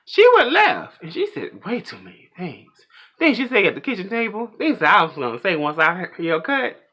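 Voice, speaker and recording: Lively, bright-voiced man ranting. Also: high voice, fairly quick. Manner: animated, chatty and opinionated. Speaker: pop culture vlog host. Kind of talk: casual pop culture rant.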